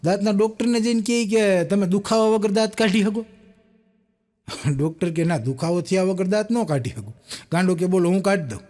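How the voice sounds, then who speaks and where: Brief: young man, high bright voice, stage comic doing characters in his jokes. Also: a little fast. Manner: animated storyteller acting out quoted characters. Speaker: stand-up comedian telling jokes. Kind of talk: Gujarati folk stage joke-telling. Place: live stage show with audience.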